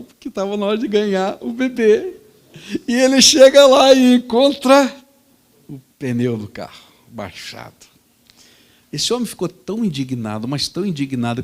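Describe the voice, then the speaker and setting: Male church preacher, somewhat high voice, vivid storyteller with big swings in volume. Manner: vivid storytelling, swings between loud and soft. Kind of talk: storytelling sermon.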